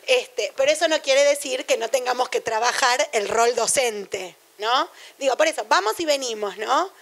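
A woman's voice: sits high, lively intonation, moderate pace. A middle-aged woman with a Rioplatense Spanish accent giving a university lecture on education in a chatty, digressive way, full of anecdotes and asides.

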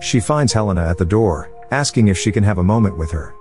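A man narrates a film plot in a steady, even scripted read. His voice sits low, and it is recorded close to the mic. Soft music plays faintly behind him. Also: fast talker. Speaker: movie recap narrator.

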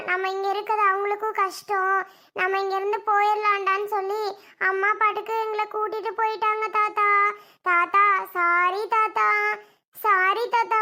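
Here is a woman voicing a young child in a family skit. The voice is very high and bright. The child pleads and apologizes earnestly.

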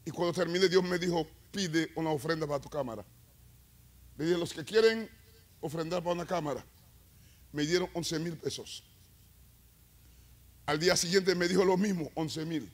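A male evangelist preaching a sermon, telling stories and rising to loud climaxes with call-and-response. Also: a little high, moderate pace, long pauses. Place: church.

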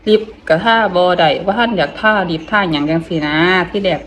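A middle-aged vlogger with an Isan accent talks casually while eating, speaking through mouthfuls in a halting way, repeating phrases and murmuring between them. Her voice is on the low side, and there's a little hiss or hum.

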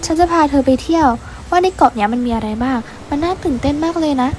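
เสียงผู้หญิงเล่นเป็นเจ้าหญิงเงือกน้อยเสียงสูงมาก ใจดี. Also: female voice, high-pitched, animated, fast, a little mellow, a little hiss or hum, rough recording. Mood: eager, reassuring. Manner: reassuring, eager, exclamatory. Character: friendly young mermaid princess, protective guide. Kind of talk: amateur story role-play dialogue.

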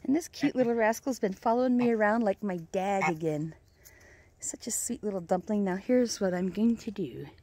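A woman with a medium-pitched, mellow voice vlogs casually outdoors on a cold farm property, talking at a moderate pace. She coos baby talk to her pet goose and chuckles often, with geese honking and slight background noise around her.

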